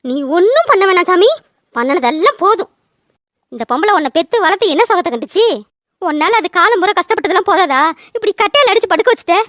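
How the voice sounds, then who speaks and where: A woman voicing a shrill, distraught village wife. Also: lively intonation, quick pace, fairly bright tone, no room sound, studio quality. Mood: furious. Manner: shrill, wailing and scolding. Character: distraught young village wife, fiercely protective. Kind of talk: cartoon voice acting.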